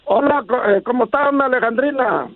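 A man's voice: very high voice, fairly quick, no echo. A Salvadoran man calling a radio show, chatting in a hesitant, repetitive, earnest way with mumbled diction. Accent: Salvadoran Spanish. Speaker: radio dating-show caller. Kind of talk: casual phone chat. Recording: muffled call, faint music behind.

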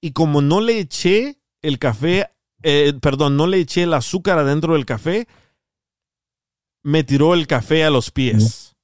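A man hosting a podcast, telling stories in a lively way and repeating words for emphasis. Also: on the high side, unhurried, no room sound, clean studio sound. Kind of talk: casual storytelling chat.

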